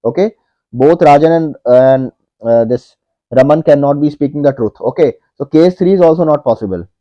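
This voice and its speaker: A man's voice: a little high, normal speed. A man in his thirties, an online tutor, working through a logic puzzle step by step, repeating each point and saying "okay" often. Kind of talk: whiteboard puzzle walkthrough. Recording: dull lo-fi audio.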